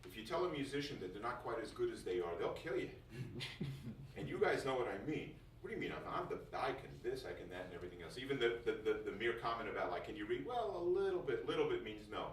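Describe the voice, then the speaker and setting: Very animated and fast-talking, this medium-pitched man gives new music school students an informal first-day talk full of jokes. He often repeats phrases for emphasis, and the indoor classroom sounds roomy on a distant mic with faint background noise.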